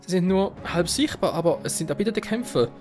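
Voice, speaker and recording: A man's voice: high-pitched, expressive, a little fast, darkish tone, soft background music, voice pushed up. A man voicing an earnest young man, a wounded pegasus rider, reading game dialogue aloud in a let's play. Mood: urgent.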